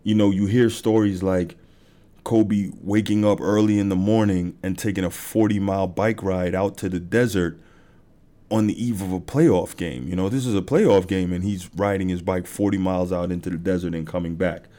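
Male podcast host, deep and mellow, easygoing storyteller with fillers. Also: fairly even intonation, normal speed. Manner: conversational, many fillers and restarts. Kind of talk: casual monologue.

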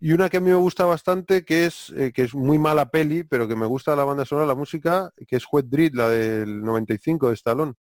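A man from hosting a casual podcast chat about movies, excitable and full of slang. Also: fairly high pitch, fairly quick, few pauses, no room sound, studio quality. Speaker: podcast host.

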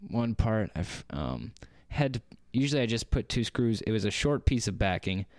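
A man's voice: on the low side, very animated, moderate pace, a little mellow, no echo, clean studio sound. A young man co-hosting a casual podcast, telling a work story with many fillers and restarts and laughing often. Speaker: podcast co-host.

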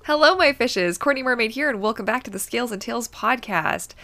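A woman's voice: on the high side, expressive, a little fast, bright, forceful tone. A young woman hosting a podcast in a chatty, bubbly way, sounding congested and sniffly, rambling with fillers. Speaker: podcast host. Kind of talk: casual podcast chat.

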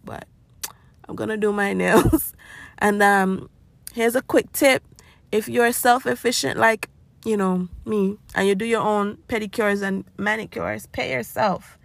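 Gravelly-voiced woman chatting on a podcast. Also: medium pitch, fairly bright tone, no room sound. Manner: chatty, rambling, with frequent laughs. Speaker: podcast host. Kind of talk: casual solo podcast chat.

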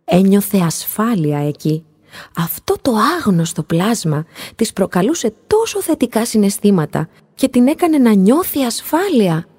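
A woman reading a children's story aloud in a gentle, expressive storytelling voice. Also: mid-range voice, breathy edge. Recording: long hall reverb.

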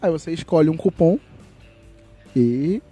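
Lively, laughing man. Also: a little high, slow, soft background music. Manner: laughs often, lively storytelling. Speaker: podcast co-host. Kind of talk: casual podcast chat.

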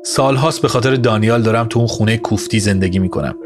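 A furious, wronged middle-aged mother, voiced by a man reading an audiobook, hurling bitter accusations in a low voice. Music plays clearly behind her. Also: lightly acted. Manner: angry, accusing, cutting.

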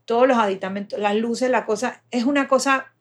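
A woman's voice: a little high, brisk. A woman explaining child development step by step in a patient, conversational way.

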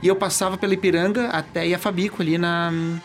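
Man, Gaúcho accent, radio journalist, animated storyteller, high-pitched, faint music underneath. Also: quick pace. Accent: Gaúcho Portuguese. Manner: animated, acts out quoted dialogue. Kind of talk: casual interview storytelling.

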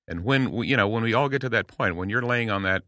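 On this podcast, a fast-talking guest in his late sixties with a fairly low voice shares stories to encourage listeners. His manner is earnest and warm, and he acts out quotes as he goes. The studio-quality recording is dry.

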